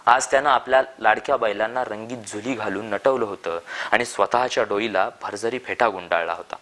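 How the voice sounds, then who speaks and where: Man calmly reading a story aloud. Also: fairly low pitch, brisk.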